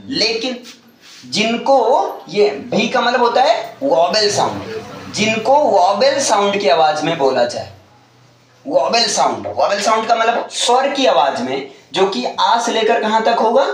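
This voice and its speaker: A man's voice: sits high, fairly bright tone. A man teaching an English grammar lesson to a class, asking the students questions and answering them himself. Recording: echoey room, far from mic, noisy.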